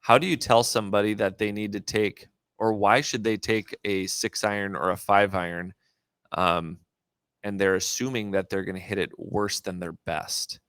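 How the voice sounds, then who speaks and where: A man's voice: fairly low pitch, fairly even intonation, normal speed, a bit bright, smooth, no echo. A man is chatting on a golf show. He talks loosely and keeps correcting himself. The sound is close and dry. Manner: chatty, self-correcting, jokes about his own radio DJ voice. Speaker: golf podcast co-host. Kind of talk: casual chat.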